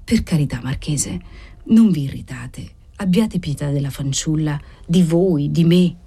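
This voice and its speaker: Audiobook: gentle pained doctor, soft and low, read by a woman. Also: a little slow, husky, full character voice. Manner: soft, pleading, lower voice. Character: gentle middle-aged male doctor, delicate and pained.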